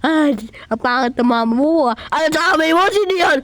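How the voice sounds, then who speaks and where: A woman chattering casually in an excitable, whiny way, with frequent sharp exclamations. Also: high-pitched, normal speed, dry recording.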